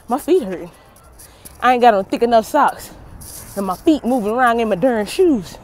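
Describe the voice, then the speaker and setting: A woman vlogging casually on her phone while walking outside, talking straight to her viewers, chatty and folksy, and out of breath. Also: fairly high pitch. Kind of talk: casual vlog talk to camera. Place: outdoors, walking near traffic at night. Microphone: handheld phone. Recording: faint outdoor traffic noise.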